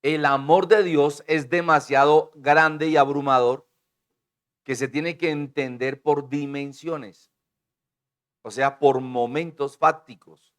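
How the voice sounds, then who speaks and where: A male pastor delivering a sermon, his fairly high voice rising to loud, drawn-out declarations and then dropping to quiet, quick asides. He keeps calling on the congregation to answer him and to repeat his phrases to one another. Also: fairly even intonation, smooth. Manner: preaching with big swings in volume, booming then hushed; calls on the congregation to repeat and respond.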